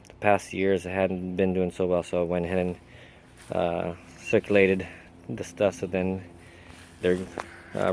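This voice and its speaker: A man's voice: deep voice, smooth. A man giving a casual, rambling walk-through of his home garden outdoors, with frequent fillers and self-corrections.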